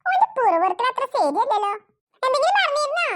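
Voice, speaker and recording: A woman voicing a bossy, sharp-tongued older woman in a cartoon. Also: very high-pitched, very animated, quick pace, exaggerated voice. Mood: grumbling. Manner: scolding, nagging. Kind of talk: cartoon voice acting.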